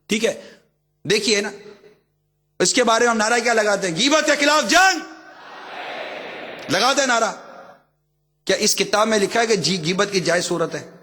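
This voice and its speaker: A man's voice: sits high, fairly bright tone, breathy edge. A man preaching a sermon, emphatic and repetitive, firing rhetorical questions at his listeners. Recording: hall with long reverb.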